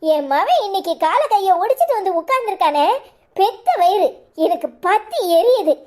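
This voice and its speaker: A woman's voice: sing-song, normal speed, darkish tone. A woman voicing a bitter, grieving old mother-in-law in a cartoon, scolding in a Tirunelveli Tamil accent. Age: older. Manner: shrill, scolding, wailing complaints. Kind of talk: cartoon voice acting.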